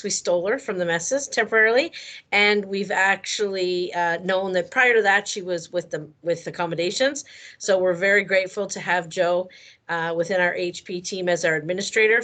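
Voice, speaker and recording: A woman giving friendly, steady team announcements on a work video call. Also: lowish voice. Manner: friendly, steady, some fillers. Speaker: health promotion team lead.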